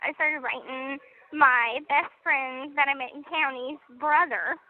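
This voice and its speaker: A woman's voice: high voice, fairly even intonation, a little slow. A young woman calling from prison, chatting casually and giggling, with lots of "like" and "um". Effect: prison phone line. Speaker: inmate on a phone call. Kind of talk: casual phone chat. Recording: tinny phone line with faint noise.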